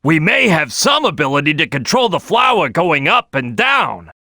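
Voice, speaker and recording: A brash crocodile detective from a cartoonish video game. The voice is high for a male and swings wildly up and down. It is bossy, cocky and streetwise, with a forceful bark. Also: very animated, moderate pace, no echo, clean studio sound, full character voice. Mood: watchful, bossy. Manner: boisterous, cocky, streetwise, barking. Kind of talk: animated video game character acting.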